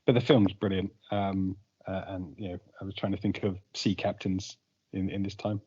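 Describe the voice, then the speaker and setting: Husky, hesitant man. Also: sits low, level tone, moderate pace, warm tone. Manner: hesitant, repeats words as he argues. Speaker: podcast co-host. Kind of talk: casual chat. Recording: dull lo-fi podcast audio.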